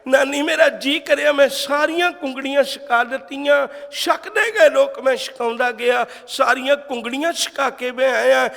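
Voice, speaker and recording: A man's voice: very high-pitched, fairly even intonation, moderate pace, gravelly, fairly bright tone, exaggerated voice. A man quoting an orphaned young boy, speaking in an earnest, heartfelt way, in a hall. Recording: long hall reverb.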